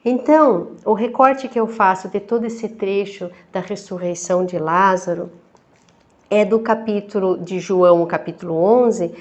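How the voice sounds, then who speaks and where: A woman's voice: medium pitch, steady tone, lo-fi sound. A woman deacon with a Brazilian Portuguese accent, giving a reflective Bible study and reading scripture aloud, often checking in with her listeners. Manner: slow, thoughtful, with frequent "né?" tags.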